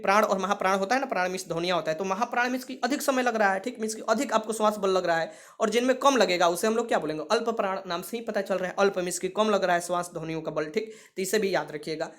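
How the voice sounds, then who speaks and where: A man's voice: high voice, fairly bright tone. A man teaching an exam revision lesson, explaining patiently and saying sounds aloud for students to repeat.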